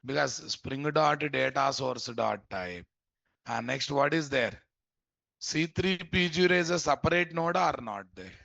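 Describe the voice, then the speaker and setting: A male programming instructor speaks English with a Telugu Indian accent at a slow, deliberate pace. His voice has a gravelly creak, and he often repeats instructions or turns them into questions for his students. The sound is close and dry, with little room around it. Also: mid-range voice, animated, fairly bright tone, dry recording, highs cut off. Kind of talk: informal live coding lesson.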